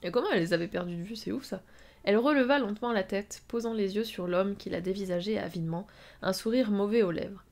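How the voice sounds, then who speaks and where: A woman reading an amateur story aloud on a live stream, at a mid pitch for her. She keeps stopping to mock the text with dry, sarcastic asides. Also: fast, vocal fry, a little mellow. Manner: reads with frequent sarcastic asides and laughs.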